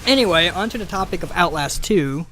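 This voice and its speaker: Man, rambling gameplay commentary, stammering, fillers, somewhat high pitch, faint background noise. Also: animated, brisk, sharp tone. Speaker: gaming video creator. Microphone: home mic without pop filter.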